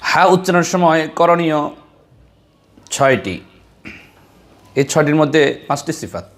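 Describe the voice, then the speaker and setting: Slow, deliberate man teaching recitation. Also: fairly high pitch, animated. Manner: slow, deliberate, drawing out sounds and repeating syllables. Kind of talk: slow, patient tajweed lesson.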